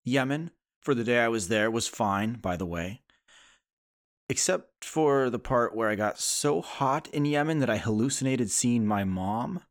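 A man's voice: medium pitch, lively intonation, a little slow. A man reading as a sarcastic sitcom guy turned earnest. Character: sarcastic adult male sitcom character writing an earnest letter. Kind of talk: poem reading in character.

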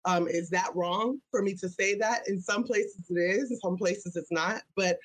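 A woman speaks as an interview guest. She is candid and conversational, at a middle pitch, thinking her answers through aloud. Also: normal speed, low-quality recording. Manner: candid, chuckles between phrases. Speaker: interview guest, public health educator.

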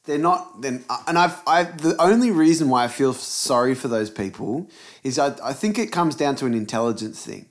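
A man in casual conversation, relaxed, swearing and asking questions back. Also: mid-range voice, normal speed. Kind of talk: casual chat.

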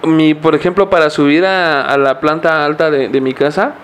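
A man's voice: on the high side, fairly even intonation, normal speed. A young man with a Mexican accent, a podcast co-host telling a story in casual chat, rambling and full of slang and fillers.

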